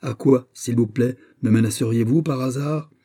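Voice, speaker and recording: A man's voice: mid-range voice, moderate pace, mellow, slightly rough, voice pushed up. A man reading aloud, voicing a hot-tempered, haughty young English duke in an audiobook. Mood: indignant. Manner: imperious, angry outbursts.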